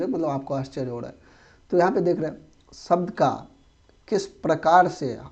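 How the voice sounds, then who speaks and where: A man's voice: on the high side, warm tone. Chatty young male teacher, lo-fi sound. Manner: conversational, checks understanding often. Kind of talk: exam-prep grammar lesson. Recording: dull lo-fi recording.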